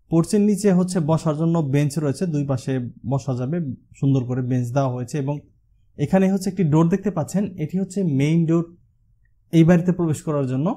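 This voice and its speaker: Fast-talking Bangladeshi house designer. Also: male voice, a little high, dark tone. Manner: walkthrough explanation with the filler হচ্ছে used often. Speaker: house designer presenting his channel. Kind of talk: explaining a house design over a 3D model.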